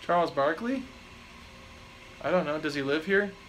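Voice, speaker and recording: Man, twenties, fairly high voice, rambling casual chat, filler-heavy. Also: normal speed, fairly bright tone, a little hiss or hum, low-quality recording. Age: 20s. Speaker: vlogger answering live chat.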